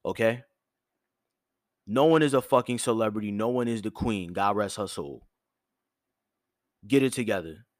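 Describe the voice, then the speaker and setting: A man's voice: on the low side, moderate pace, long pauses, no echo, clean studio sound. Blunt, profane man lecturing firmly. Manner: firm yet soft tone. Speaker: host. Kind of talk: direct advice monologue.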